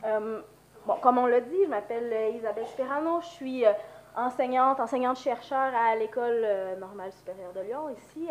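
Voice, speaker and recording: Female lecturer, Quebec French accent, fairly high voice, speaking with the flu; informal conference talk. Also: poor audio. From Quebec, Canada. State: has the flu. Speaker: university lecturer and researcher.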